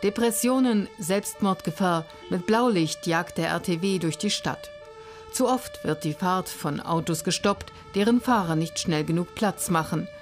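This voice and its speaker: A woman reading scripted documentary narration in an even, factual way. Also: on the low side, a little slow, faint music behind.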